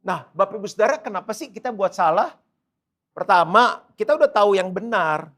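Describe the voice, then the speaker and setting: Middle-aged man, pastor, casual and animated preaching for an online service. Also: sits high, brisk. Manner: conversational, animated storytelling with acted quotes. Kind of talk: sermon. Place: church service streamed online.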